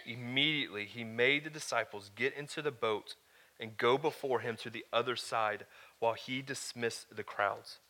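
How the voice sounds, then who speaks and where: A man preaching a sermon to a live congregation, conversational, with joking asides, swinging from hushed to loud. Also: mid-range voice, moderate pace. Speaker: pastor.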